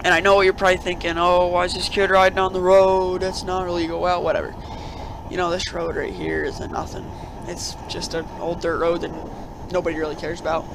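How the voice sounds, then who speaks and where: At home with a cold, a young man hosts casual video commentary, rambling with many fillers and restarts. His high voice is completely flat and fairly quick, and the background is noisy.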